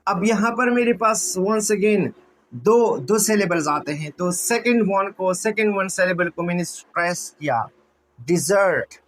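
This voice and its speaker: A man's voice: sits high, unhurried, a bit bright, a little hiss or hum, poor audio. A man teaching English vocabulary, repeating words and asking and answering his own questions to his students. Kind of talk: classroom-style lesson explanation.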